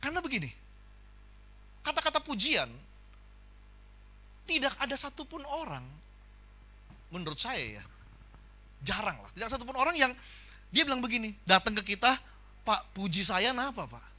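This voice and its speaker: A man preaching a sermon in a church, talking with animation and acting out the people he quotes in loud bursts. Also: very high-pitched, very animated, normal speed, pauses often. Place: church hall.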